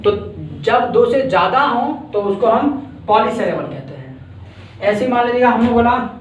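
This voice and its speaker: A man's voice: extremely high pitch, slight background noise. A man from India teaching a grammar class, patiently repeating words and breaking them into syllables. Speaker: English teacher. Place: echoey classroom. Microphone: far from the mic. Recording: echoey room, distant dull lo-fi mic.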